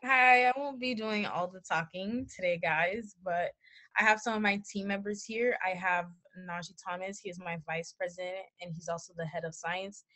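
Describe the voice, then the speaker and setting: A woman's voice: mid-range voice, normal speed, pushed and bright, dry recording. A young woman leading a student project, introducing her team in a friendly, upbeat way.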